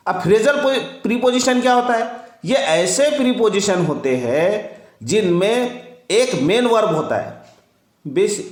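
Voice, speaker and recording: A man teaching an English grammar lesson, explaining slowly and repeating himself with many fillers. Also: high-pitched, roomy sound.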